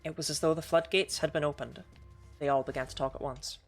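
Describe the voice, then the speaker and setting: A woman's voice: sits low, fairly even intonation, fairly quick, soft background music. A woman streamer reading scripted story narration aloud during a game playthrough.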